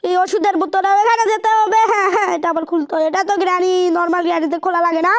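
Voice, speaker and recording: Very high-pitched excitable woman gamer. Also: very fast. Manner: taunting, shouting at game characters. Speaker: gaming channel host. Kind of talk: excited horror game commentary.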